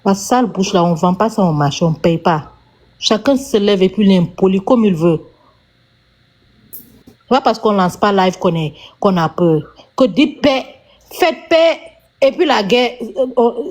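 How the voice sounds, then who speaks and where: Senegalese-accented woman, mid-pitched, lecturing hard with repeats, live-stream rant. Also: expressive, moderate pace, darkish tone. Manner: emphatic, lecturing, repeats herself.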